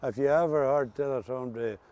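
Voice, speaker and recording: A man's voice: medium pitch, fast, warm tone. A man with an Ulster Scots accent, chatting casually and reminiscing in folksy dialect as an interview guest. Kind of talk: casual reminiscing chat about local dialect words.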